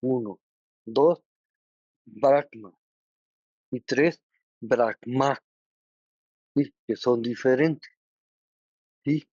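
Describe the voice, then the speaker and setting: A man with a Mexican Spanish accent teaching a study group, halting and often pausing to check that listeners follow. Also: medium pitch, darkish tone, no room sound. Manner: checks understanding with frequent tag questions; halting, with many restarts and filler words. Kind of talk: explanatory lesson. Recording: dull, lo-fi recording.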